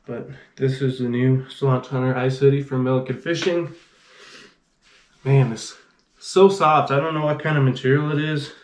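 Here a fishing channel host in his thirties unboxes gear in a small indoor room that makes the audio sound roomy. His medium pitch barely moves and his pace is moderate as he rambles along casually, leaning on the word "freaking."

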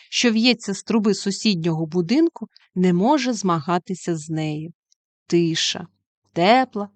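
A woman narrating a storybook aloud with expressive, lively storytelling. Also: mid-range voice, dry recording. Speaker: audiobook reader.

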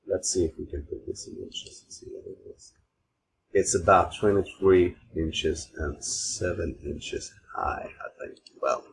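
A very deep-voiced man from Sweden hosts an informal software tutorial, speaking haltingly in a voice-over recorded at an old computer. Steady, clear background noise and mouse clicks are heard.

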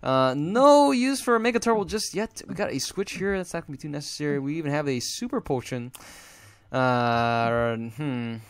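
A man's voice: a little high, expressive, normal speed, clear, resonant tone, no room sound. A young man commenting on his own card game match, rambling with many fillers and flaring into exasperated outbursts. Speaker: gameplay commentator. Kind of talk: casual gameplay commentary.

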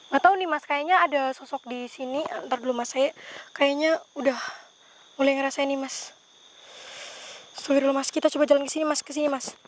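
High-voiced woman on a tense ghost hunt. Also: fairly even intonation, a little fast, a little hiss or hum. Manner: tense, exclamatory, keeps calling to her companion. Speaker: ghost-hunting vlogger. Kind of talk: live narration on a night ghost hunt. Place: outdoors among trees at night.

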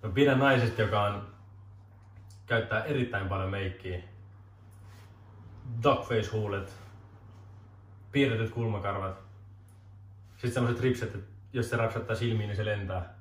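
A man in his twenties as a guest giving deadpan mock answers in a casual joking interview, often cracking up, in a small room. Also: lowish voice, long pauses. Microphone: camera mic from a distance. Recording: roomy distant camera audio.

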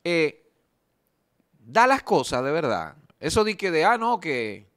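A man, a panelist who speaks in an animated, exclamatory way and swears often in gossip talk. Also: fairly high pitch, takes it slowly, clear, resonant tone.

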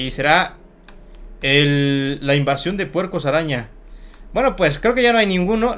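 A young man giving excited Minecraft gameplay commentary, shouting and pleading at the game and talking to his viewers. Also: on the high side. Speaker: gaming youtuber.

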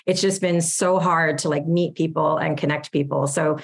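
Lower-voiced woman hosting an interview. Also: steady tone, moderate pace. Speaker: podcast host. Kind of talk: interview and scripted intro.

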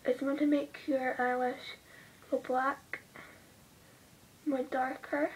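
A woman's voice: high voice, little pitch movement, slow, a little hiss or hum. A woman vlogging from her bedroom, chatting in a rambling way and muttering asides to herself, with a TV playing in the background. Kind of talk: casual chat while doing makeup. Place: bedroom at home.

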